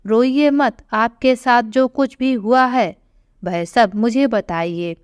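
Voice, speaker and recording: A woman voicing a kind young woman official who gently reassures a frightened old woman in an audio story. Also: on the high side, slow, smooth, dry recording, studio quality. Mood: reassuring.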